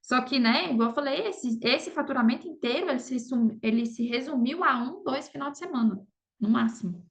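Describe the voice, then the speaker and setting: This Brazilian woman is a podcast guest and affiliate marketer, chatting conversationally in an interview and sprinkling her sentences with "sabe" and "entendeu." Her voice sits high, expressive and brisk.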